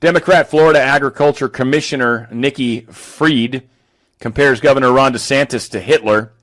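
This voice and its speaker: A man's voice: mid-range voice, moderate pace, a bit bright. A man hosting casual political commentary, reading headlines aloud and riffing on them sarcastically. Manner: sarcastic, reads quotes aloud and riffs on them.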